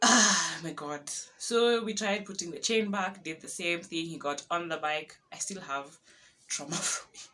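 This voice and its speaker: Kenyan woman vlogger, low voice, lively storyteller, faint noise behind. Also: measured pace. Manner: animated retelling with laughs and dramatic whispered asides. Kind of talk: casual storytelling to camera.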